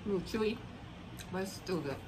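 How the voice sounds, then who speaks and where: A woman's voice: medium pitch, quick pace, noisy background. A woman hosting a casual eating chat, talking with her mouth full and chewing between words. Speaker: mukbang host.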